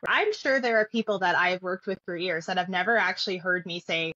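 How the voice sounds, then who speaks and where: A woman's voice: lowish voice, brisk, sharp tone, no echo. Thoughtful woman on a dull lo-fi line. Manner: thoughtful, with frequent restarts. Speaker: guest. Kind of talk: conversational interview. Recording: dull lo-fi audio.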